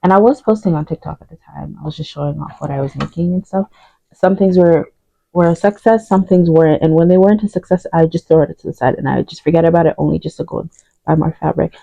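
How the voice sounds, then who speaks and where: A Ugandan woman in her 20s chats in a vlog while doing her makeup, telling the story of how she got into fashion design, with plenty of fillers and self-corrections. Her voice sits low and creaky with a dark tone, and she talks quickly. The recording has no room sound, and the highs are cut off.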